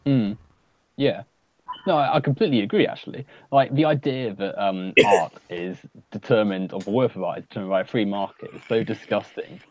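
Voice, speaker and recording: A man's voice: lowish voice, brisk, a little mellow, no room sound. A man in a casual online hangout, talking earnestly and at length with many fillers. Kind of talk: casual political discussion. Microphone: home computer mic on a video call. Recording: dull lo-fi audio.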